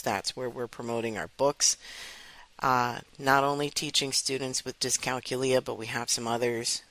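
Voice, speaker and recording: A woman hosting her own podcast, talking earnestly and enthusiastically with clear enunciation. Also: low voice, a bit bright, no room sound, poor audio. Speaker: podcast host. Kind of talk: solo podcast talk.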